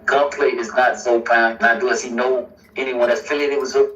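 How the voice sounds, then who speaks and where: A man's voice: mid-range voice, little pitch movement, normal speed, a bit bright, faint music behind. A man answering interview questions casually, hedging with "you know" and "you know what I'm saying.". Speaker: interview guest. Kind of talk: casual interview over a call. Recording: dull, distant played-back audio.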